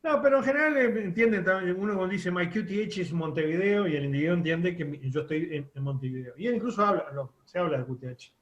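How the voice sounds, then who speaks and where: A man's voice: sits high, fast talker, few pauses, fairly bright tone, roomy sound, lo-fi sound. A man teaching a radio course, explaining step by step with many fillers and restarts. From Uruguay. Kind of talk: online class lecture.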